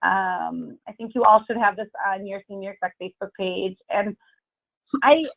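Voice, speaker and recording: A woman's voice: mid-range voice, moderate pace, gravelly. A woman leading a team meeting on a call, talking earnestly and bluntly urging everyone to take part. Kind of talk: encouraging team talk. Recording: tinny phone-line sound.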